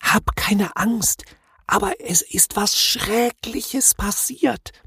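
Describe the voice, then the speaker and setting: A man's voice: high-pitched, big pitch swings, moderate pace, husky, no room sound, clean studio sound, voice pushed up, full character voice. A man voicing a timid, worried young male troll in a storybook reading. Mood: hushed, worried. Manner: anxious, soft.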